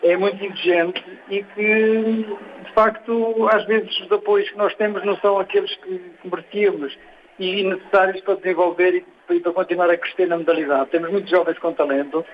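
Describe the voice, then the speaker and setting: A man with a European Portuguese accent giving halting, spontaneous interview remarks as a federation official, repeating words as he goes. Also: sits high, fairly even intonation. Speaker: sports federation president being interviewed. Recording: dull, noisy lo-fi radio interview line.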